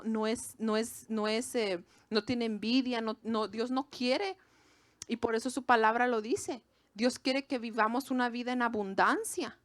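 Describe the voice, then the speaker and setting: Woman preacher, Mexican accent, raised pitch, conversational sermon, asides to the audience. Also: no room sound. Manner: conversational, with restarts and asides to the listeners. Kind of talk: informal sermon to a women's gathering.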